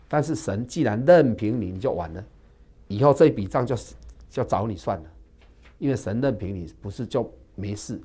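A man preaching an expository sermon. He keeps asking and answering his own rhetorical questions and acts out the people in the verses. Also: husky. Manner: acts out the quoted figures with dramatic swings in pitch and loudness.

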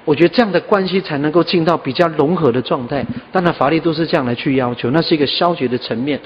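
A man delivers a sermon in a slightly high voice, with frequent soft "ah" and "ha" fillers. The recording is dull and muffled. His voice rings with long reverb in a church hall. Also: quick pace, a little hiss or hum. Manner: scattered with "ah" and "ha" fillers, earnest. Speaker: pastor.

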